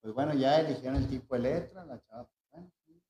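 Mexican man telling stories, mellow roomy voice. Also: mid-range voice, fast talker. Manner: storytelling, acting out quoted voices, frequent restarts. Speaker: tattoo artist, guest. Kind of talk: casual anecdote telling. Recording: roomy echo.

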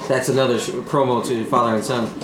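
A man's voice: medium pitch, steady tone, quick pace. A man from the Chicago area hosting a casual podcast chat, loose and joking, swearing freely. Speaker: podcast host. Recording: echoey room, faint noise.

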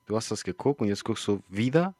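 A man's voice: fairly low pitch, expressive, a little fast, darkish tone, dry recording, clean studio sound. A man from Chile speaking German, chatting casually on a podcast, slangy and often searching for words. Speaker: podcast co-host. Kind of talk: casual chat.

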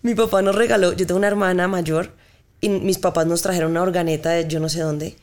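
A singer-songwriter in her thirties from Cali, Colombia, chats as a guest in a casual interview, telling lively stories and imitating notes with sung syllables. Her voice is lowish and she talks fast.

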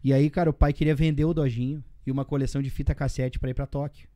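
A man in his forties with a Rio Grande do Sul accent, speaking quickly and tumbling from one story to the next. His voice is dark and mellow, heard dry and close. He keeps dropping tag questions and casual slang as he talks. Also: mid-range voice, little pitch movement, no room sound. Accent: Rio Grande do Sul Portuguese. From southern Brazil. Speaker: guest.

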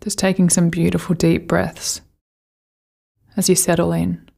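A female meditation guide speaks in a fairly low register with a noticeable creak. Her intonation stays flat and steady as she offers soothing, gentle instructions, pausing unhurriedly between phrases.

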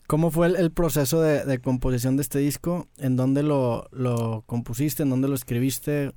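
A man with a Mexican Spanish accent hosting a podcast, asking questions in a quick, slangy way. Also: mid-range voice, fairly even intonation, warm tone, smooth, dry recording. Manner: quick, slangy, says "güey" often. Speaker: podcast host. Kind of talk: casual interview questions. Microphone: studio mic in a small home studio.

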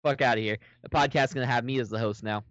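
A man's voice: mid-range voice, fast, no echo. A man co-hosting a casual podcast, teasing and cursing as he jokes around. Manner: teasing, swears, lively. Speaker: podcast co-host. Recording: dull lo-fi mic.

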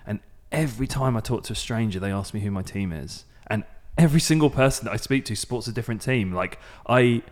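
Fast-talking English man, joking. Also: on the low side. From England. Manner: joking, self-mocking. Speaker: podcast co-host. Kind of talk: casual chat.

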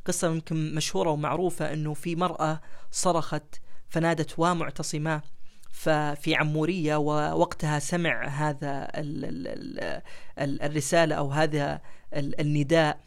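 Male history host, slightly higher voice, halting narration with many fillers, turns formal when reading letters. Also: flat delivery, vocal fry. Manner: frequent hesitant fillers between phrases. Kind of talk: casual history storytelling, reading letters aloud.

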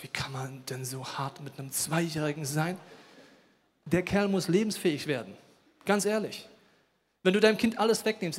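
High-voiced preacher in a reverberant hall. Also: male voice. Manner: lively storytelling preacher, acts out voices. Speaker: pastor. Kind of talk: sermon. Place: church service.

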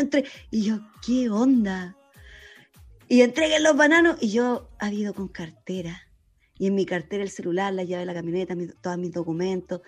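A Chilean woman telling a story in casual chat, animated and slangy, laughing often. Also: mid-range voice.

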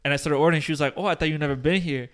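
A young man hosting a podcast, telling a long story in animated bursts, swearing and restarting his sentences, full of fillers. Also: a little high, rapid-fire. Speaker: podcast host. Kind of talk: casual chat.

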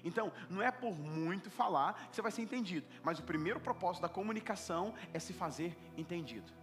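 A male pastor preaching an animated sermon, repeating words for emphasis and acting out little dialogues. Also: sits high, quick pace, faint music behind. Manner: animated, repetitive, acts out dialogues.

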